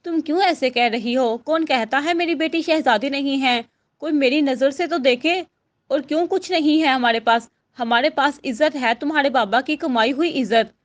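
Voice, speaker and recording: A woman's voice: high-pitched, moderate pace, lightly acted. A woman voicing an angry, indignant widowed mother who scolds her daughter, in a storybook reading. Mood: tender, hurt.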